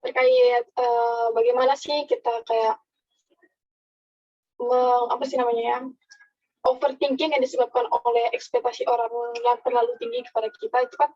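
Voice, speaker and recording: A woman's voice: on the high side, flat delivery, normal speed, a little mellow. A woman asking a question in a webinar, searching for words as she goes. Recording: dull lo-fi online call audio.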